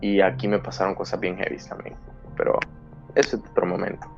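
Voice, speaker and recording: Deep-voiced man telling a scary story. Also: completely flat delivery, fast, vocal fry, muffled recording, faint music behind. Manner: dramatic storyteller who acts out his own fearful past self. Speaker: podcast host. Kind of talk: recounting a personal scary story.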